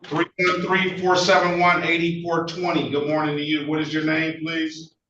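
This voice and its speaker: A man speaking as a judge in a procedural courtroom recording of a remote hearing, informal but deliberate with numbers. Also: on the high side, completely flat delivery. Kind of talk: procedural courtroom talk on a video call. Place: remote court session on a video meeting. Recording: echoey, muffled, noisy distant-mic courtroom recording.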